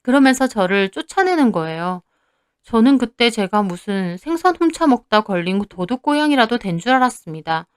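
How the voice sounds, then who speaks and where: A woman's voice: fairly high pitch, lively intonation, moderate pace, smooth. Woman telling a confessional story. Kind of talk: first-person story narration.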